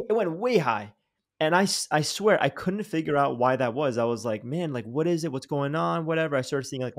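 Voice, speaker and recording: A young male podcast host chats loosely and with animation in a casual interview, his voice at an ordinary male pitch. He uses slang like "dude" and "bro" and often restarts sentences as his thoughts tumble out.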